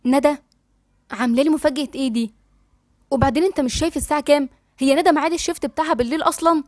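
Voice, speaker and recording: An upset young woman fires off sharp questions in an Egyptian Arabic accent, voiced by a woman narrating a story. Her voice sits high and rushes along. The recording is dry. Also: fairly even intonation, no room sound, close to an everyday voice. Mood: puzzled.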